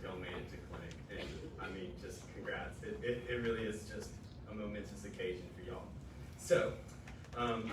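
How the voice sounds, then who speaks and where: A man with a Southern American accent giving a casual, folksy ceremony speech full of fillers and restarts. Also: on the low side. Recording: roomy, distant mic, noisy.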